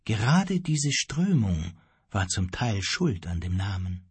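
A man doing a gentle old sea pilot from an audiobook, quiet and unhurried, with a husky grain to his low-key voice. He sounds patient and unshaken. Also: sing-song, dry recording, exaggerated voice. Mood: calm, gentle. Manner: soft-spoken, quiet and unhurried.

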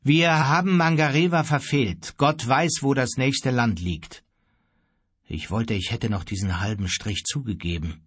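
A man voicing a worried, gruff older ship captain who broods and mutters, in a husky voice. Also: mid-range voice, unhurried, no echo.

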